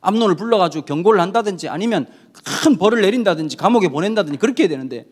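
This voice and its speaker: Male pastor, sermon, high voice, very expressive pitch, storytelling with acted dialogue. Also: very fast, husky. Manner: lively storytelling, acting out quoted characters in dialogue.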